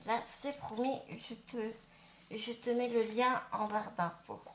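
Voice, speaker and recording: A woman's voice: fairly high pitch, fairly even intonation, measured pace, slight background noise. A woman chatting casually to viewers as a craft unboxing vlogger, affectionate and gushing, with a slight lisp and slushy s sounds. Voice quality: slight lisp, slushy s after dental surgery.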